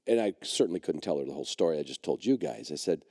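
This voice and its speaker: Deep-voiced man rambling through a story. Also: animated, quick pace, warm tone, dry recording, clean studio sound. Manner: rambling, heavy on fillers and restarts. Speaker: podcast host and dog trainer. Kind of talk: personal storytelling on a podcast.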